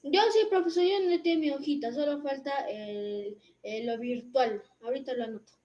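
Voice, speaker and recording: A teenage girl, an eager student speaking up in an online class. Her voice is high and comes through a dull, lo-fi call line. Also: normal speed. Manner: eager, reports to the teacher.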